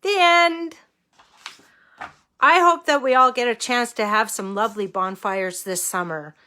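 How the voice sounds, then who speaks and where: A woman reads a children's picture book aloud as if to a toddler, expressively and with an engaging, questioning manner. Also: on the high side. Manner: reading to a toddler, slow and expressive with questions to young listeners. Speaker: children's story reader.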